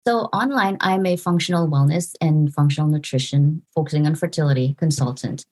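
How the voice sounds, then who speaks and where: A Filipino woman in her forties, a nurse practitioner, appears as a guest in a casual podcast interview. Her voice is low, mellow and relaxed, and she speaks earnestly, halting and restarting her thoughts.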